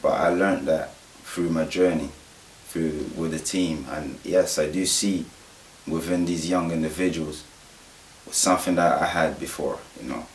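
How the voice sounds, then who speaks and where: Male group member, reflective, extremely deep voice, echoey room. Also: steady tone, measured pace. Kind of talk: documentary interview. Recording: echoey room, faint hiss.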